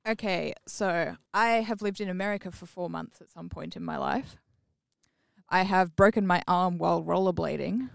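A woman's voice: fairly low pitch, moderate pace, gravelly, no room sound, studio quality. A young woman chatting casually with friends during a party game and taking the lead on whose turn it is.

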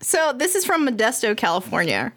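Giggly, high-voiced woman co-host. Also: sing-song, brisk, fairly bright tone. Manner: giggly, playful. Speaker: podcast co-host. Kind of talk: casual chat.

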